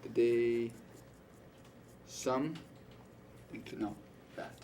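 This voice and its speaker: A male student reading Greek aloud haltingly and answering his teacher in class. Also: medium pitch, fairly even intonation, warm tone, a little hiss or hum.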